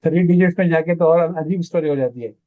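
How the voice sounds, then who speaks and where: A male student reads and translates numbers aloud in an online class, polite and eager. His slightly higher voice comes over a tinny, phone-like line. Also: fast.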